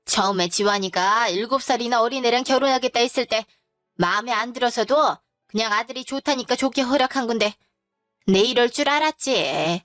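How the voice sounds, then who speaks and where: A domineering, scolding older mother-in-law, put on by a woman storyteller. The voice sits high and the sound is dry and close. Soft music plays underneath. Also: fairly quick, no echo, lightly acted. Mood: scornful. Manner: scolding, contemptuous tirades.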